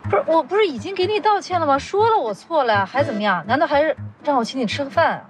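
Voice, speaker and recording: A woman's voice: sits high, lively intonation, fast. An actress in her thirties playing an exasperated, guarded professional woman in a screen drama, speaking in a reluctant, matter-of-fact way. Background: background music.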